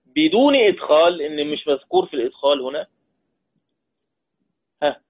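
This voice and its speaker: Egyptian teacher, tinny lo-fi sound. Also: male voice, fairly high pitch, animated, moderate pace, husky. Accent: Egyptian Arabic. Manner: repeats points, quizzes listeners, draws out recited words. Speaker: Quran recitation teacher. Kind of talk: classroom lesson.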